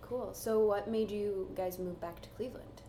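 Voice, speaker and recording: A woman's voice: mid-range voice, steady tone, normal speed, dark tone. A woman hosting an interview, asking friendly questions and giving brief replies. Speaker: interviewer host. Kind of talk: casual interview. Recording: echoey room, noisy.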